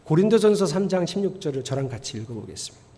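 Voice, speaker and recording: A middle-aged man preaching a sermon as pastor, telling stories with animation and building to emphatic, near-shouted appeals. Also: on the high side, big pitch swings, rapid-fire. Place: church sanctuary. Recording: long church hall reverb.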